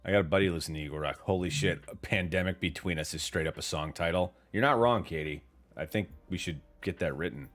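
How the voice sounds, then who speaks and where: A man with a very low voice hosts a loose, friendly interview. He keeps things casual, throwing in the odd swear word. Faint music plays quietly underneath. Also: quick pace. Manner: laid-back, swears casually, says "dude". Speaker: interview host.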